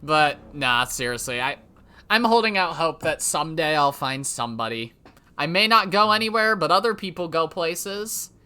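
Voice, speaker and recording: Young man, gameplay commentary, rambling, self-mocking, profane, very bright tense tone, fairly high voice. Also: lively intonation, normal speed, clean tone. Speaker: let's play gamer. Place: at home.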